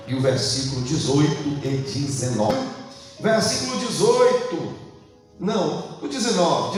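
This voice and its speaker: Pastor teaching in an echoey church hall. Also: male voice, on the high side, recorded from a distance. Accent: Brazilian Portuguese. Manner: asks the congregation questions and prompts them to answer aloud. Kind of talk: sermon and Bible study.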